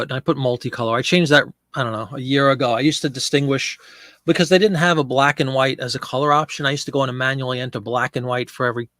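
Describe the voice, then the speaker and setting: In clean studio sound with no echo, a Pennsylvania man in middle age speaks in a medium-pitched, slightly bright voice. Stuffed up from a head cold, he lists items for sale on his eBay live stream and chats with viewers.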